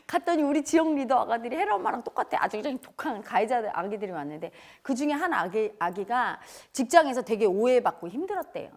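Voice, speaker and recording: Woman spiritual teacher, high and very expressive, dramatic storyteller who swings from loud to hushed. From Cheongju area, South Korea. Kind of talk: emotional spiritual lecture.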